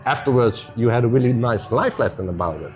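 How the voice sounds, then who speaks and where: A man speaking as a podcast guest whose pitch rises and falls in lively swings as he tells a story. His English is loose and non-native, peppered with "you know," and his manner stays easygoing and upbeat. He is a middle-pitched, casual storyteller. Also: a little fast, faint music behind.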